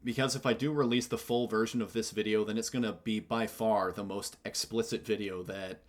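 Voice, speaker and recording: A man's voice: on the low side, fairly even intonation, fairly quick. A man hosting a gaming channel, reading a game mod aloud and breaking in with wry, joking asides.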